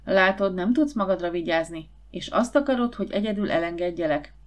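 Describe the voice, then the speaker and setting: A woman narrator voicing a worried mother gently scolding her son in a storybook. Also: on the low side, animated, close to an everyday voice. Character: worried, caring mother of a boy.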